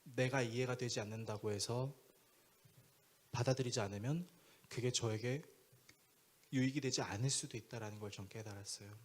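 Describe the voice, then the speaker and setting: A man's voice: mid-range voice, steady tone, measured pace, pauses often, darkish tone, pitched below the performer's own voice, lightly acted. A man voicing a naive, cheerful young man from his church who loves food and protests innocently when scolded. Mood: earnest. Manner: breezy, guileless, protesting.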